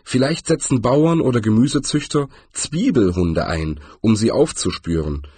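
A man's voice: medium pitch, expressive, moderate pace, dark tone, slightly rough, no room sound. A man voicing a nervous, put-upon male wizard who talks in a hesitant, wary way in an audiobook. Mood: musing.

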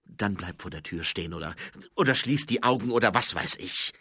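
A gruff watch commander with a dry, understated way of talking, as a male reader plays him. Bright in tone and lively in pitch, he stays calm in this storybook scene. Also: brisk, no room sound, full character voice.

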